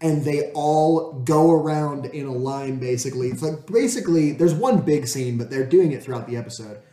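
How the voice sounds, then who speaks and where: A man co-hosting a podcast in casual chat who retells scenes with lively energy, laughing often and acting out the quotes. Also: on the high side, moderate pace. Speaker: podcast co-host. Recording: echoey room.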